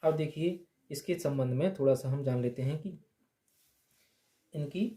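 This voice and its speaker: A man teaching grammar in a steady lesson, asking the class questions and answering them himself, repeating the key points. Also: mid-range voice, measured pace. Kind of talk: slow blackboard lesson.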